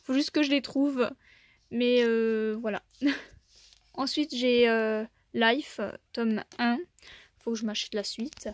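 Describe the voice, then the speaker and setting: A young woman with a slightly high voice talks casually through her manga shelves. She fills her speech with hesitations and little laughs. The sound is dry and close, with no room echo. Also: steady tone, takes it slowly. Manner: chatty, many fillers and little laughs. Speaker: manga collector vlogger. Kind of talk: casual collection tour.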